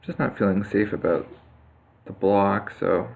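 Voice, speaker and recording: A man with a deep, gravelly voice talks through his moves at an unhurried pace. He thinks aloud as he plays, full of fillers and restarts. It sounds like casual live commentary over a screen recording. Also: noisy background. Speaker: player commenting live on his own Go game. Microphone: computer mic on a screen capture.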